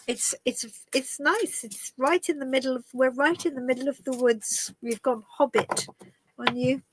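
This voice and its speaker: A woman with a high-sitting voice and steady tone speaks at a moderate pace in a low-quality recording. She's travelling and hosting a casual live stream of tarot readings, chatting and rambling with plenty of ums and restarts while stuffy and coughing from a head cold.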